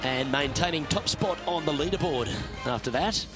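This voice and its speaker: A man calling golf play-by-play in a smooth, measured broadcast delivery for a video game. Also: a little high. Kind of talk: scripted video game sports commentary. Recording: commentary over game music.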